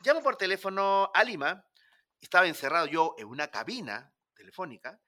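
A Peruvian man recounts an adventure in casual conversation and acts out each exchange as he goes. His voice is bright and sharp, and his pitch swings widely. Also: fairly quick. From Peru. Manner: animated, dramatic storytelling with acted-out dialogue. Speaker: guest storyteller. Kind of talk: casual storytelling interview.

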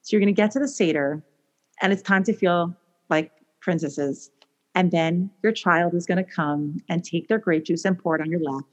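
A woman guest author talking casually in a podcast, animated and rambling with lots of restarts. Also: fairly low pitch, normal speed. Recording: slightly dull lo-fi sound.

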